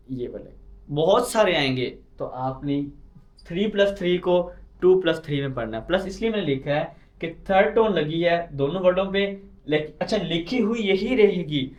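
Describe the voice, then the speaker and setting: A man teaches at a deliberately slow pace. His voice sits a little high, and he repeats each point several times. He often poses a question and then answers it himself. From Pakistan. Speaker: language teacher. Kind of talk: slow explanatory lesson.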